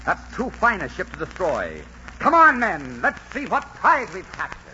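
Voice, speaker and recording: A man's voice: high-pitched, wildly swooping pitch, normal speed, bright, forceful tone, heavily acted. An actor playing a bold pirate captain who gives firm orders and teases his captives, in an old radio drama. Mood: commanding. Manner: authoritative, teasing. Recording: hissy, muffled old radio recording.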